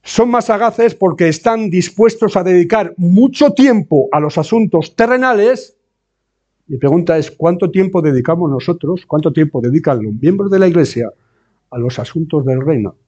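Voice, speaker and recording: Male preacher, mellow slightly high husky voice, rhetorical sermon delivery, lo-fi sound. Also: expressive. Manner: rhetorical questions and tag checks like eh and no; slows and stresses key words. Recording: dull lo-fi sound.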